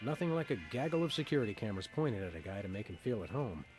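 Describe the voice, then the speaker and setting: An actor voicing a big, unflappable cartoon dog detective in a video game, wry and deadpan. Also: male voice, fairly low pitch, fast talker, soft background music.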